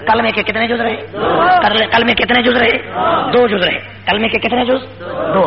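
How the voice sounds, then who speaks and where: A man giving an impassioned rally speech at a public gathering, full of repetition, shouted rhetorical questions and call-and-response. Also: very high voice, fairly even intonation, vocal fry, a loud crowd. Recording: lo-fi with faint hum.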